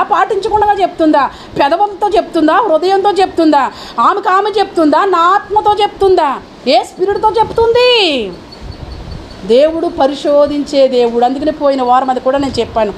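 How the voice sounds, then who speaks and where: High-voiced woman preaching a fervent sermon. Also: a little hiss or hum. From India. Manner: fervent, questioning the congregation. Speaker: pastor.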